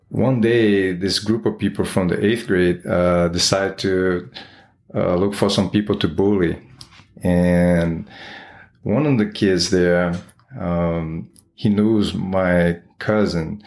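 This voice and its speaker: A man's voice: sits low, vocal fry. A Brazilian man in his forties with a Brazilian Portuguese accent, speaking as an interview guest, with many fillers and restarts. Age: 40s. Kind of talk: casual interview.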